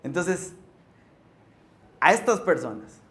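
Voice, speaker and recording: A man's voice: a little high, slow pace. A male pastor, preaching and telling stories with joking asides. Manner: animated storytelling with joking asides. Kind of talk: sermon. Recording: echoey room with faint ambience.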